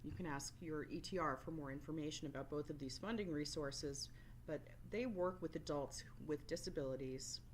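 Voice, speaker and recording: Speaking at a moderate pace in a voice that sits low, a woman narrates a scripted training presentation. She teaches for a work-based learning resource and explains things in an instructional way, and a little hiss or hum can be heard.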